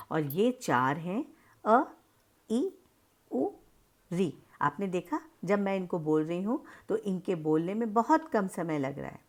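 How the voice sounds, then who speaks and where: Slow, lively-voiced woman teaching a class. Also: medium pitch. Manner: slow, drawn-out demonstration of vowel sounds; addresses students directly and explains step by step. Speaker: school Hindi teacher. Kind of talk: recorded grammar lesson.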